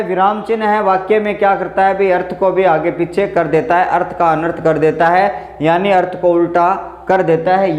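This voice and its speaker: A high-pitched man teaches a grammar lesson for an exam, going step by step and repeating the example phrases as he asks and answers his own questions. The recording has a roomy echo.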